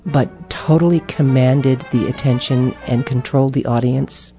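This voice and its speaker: Older woman, interview guest, animated, laughing, mellow tone, dull lo-fi audio. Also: a bass voice, unhurried, soft background music. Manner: animated, laughing, acts out voices in stories. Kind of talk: casual chat.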